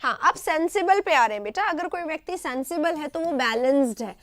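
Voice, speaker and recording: A woman's voice: sits high, expressive, brisk, a bit bright, dry recording, clean studio sound. A woman with an Indian accent teaching English vocabulary in a live online class, explaining each word in short repeated phrases and often checking with "right?".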